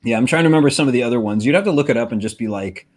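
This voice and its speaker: Animated laughing man on a live stream. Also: mid-range voice, very fast. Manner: animated, laughing, storytelling with quoted voices. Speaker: comic creator host. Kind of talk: casual live stream chat.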